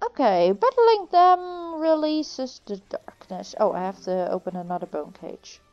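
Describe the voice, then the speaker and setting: Female gamer commentator, casual, higher-pitched, animated intonation, slightly lo-fi sound. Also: a little slow. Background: faint game music.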